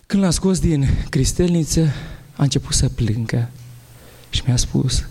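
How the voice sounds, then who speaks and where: A man, an Orthodox bishop, giving a spiritual talk and answering questions in an animated, halting way with many restarts. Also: mid-range voice, slightly rough, in a large hall.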